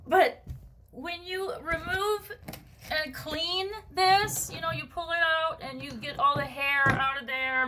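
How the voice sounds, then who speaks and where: Shrill, high-voiced woman explaining casually. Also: noisy background. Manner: sweary, exasperated asides. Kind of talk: casual hands-on explainer vlog. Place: indoors in a home bathroom.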